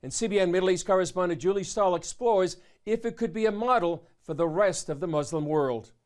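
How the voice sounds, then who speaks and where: A man's voice: sits high, brisk. A man with an American accent reading scripted introductions as a news anchor. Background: music.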